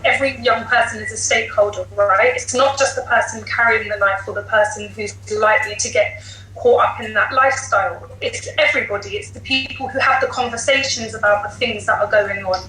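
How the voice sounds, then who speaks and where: A British-accented woman, a teacher appearing as a podcast guest, lays out her views articulately and emphatically in a considered discussion. Her voice is fairly high, steady, sharp and fairly quick. The recording has a roomy echo and light background noise.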